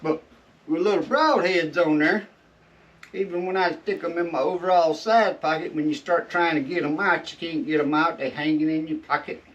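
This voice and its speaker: A man's voice: fairly high pitch, moderate pace, fairly bright tone. A man with a Southern US accent hosts a casual, folksy how-to vlog, his drawling speech slightly muffled by chewing tobacco in his lip. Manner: folksy, drawling informal talk. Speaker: video host. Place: shed. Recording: distant mic, dull lo-fi sound.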